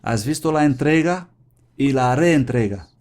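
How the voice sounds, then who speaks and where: A man's voice: mid-range voice, animated, measured pace, a little mellow. A man preaching a sermon, fervently exhorting his listeners and calling them friends.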